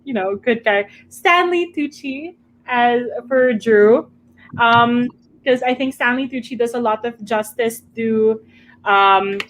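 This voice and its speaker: Woman, fairly high pitch, casual book-club chat, halting delivery. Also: fairly bright tone, a little hiss or hum, rough recording.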